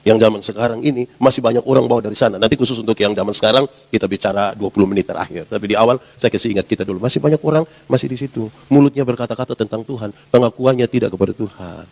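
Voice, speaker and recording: A pastor in his forties, preaching a lively sermon and asking the congregation questions. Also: fairly low pitch, very fast, gravelly, few pauses. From Indonesia. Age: 40s.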